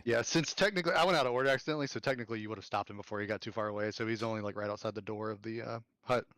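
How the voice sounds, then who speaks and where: A man narrating as game master in an online tabletop game, casual and loose, with fillers and quick self-corrections. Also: on the low side, a bit bright, no echo.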